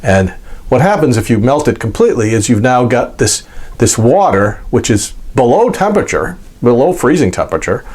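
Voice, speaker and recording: An American man giving an informal, unscripted explanation in a halting, folksy way, repeating words as he goes. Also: mid-range voice, big pitch swings, a little mellow, husky. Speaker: host of an explainer vlog.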